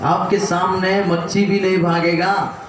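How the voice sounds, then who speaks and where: A man's voice: sits high, little pitch movement, a little slow, far from the mic, a little hiss or hum. A man preaching a sermon as pastor, leading the congregation in call and response. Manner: call-and-response preaching, urging the crowd to shout. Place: church hall. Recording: echoey hall, mic from afar.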